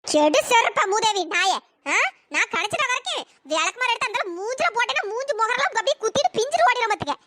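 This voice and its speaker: A woman's voice: very high-pitched, lively intonation, quick pace, hardly any pauses, pushed and bright, a little hiss or hum, exaggerated voice. A woman voicing a furious, cursing old mother-in-law in a cartoon. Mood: furious scolding. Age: older. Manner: shrieking, cursing, scolding. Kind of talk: cartoon voice acting.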